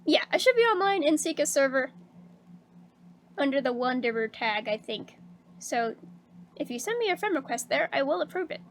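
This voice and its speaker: A bubbly woman streamer with a high, very animated voice chats casually into a desk mic, reading out viewer messages. She laughs often and fills pauses with "um" and "like," her voice slightly hoarse, with a faint hiss of background noise.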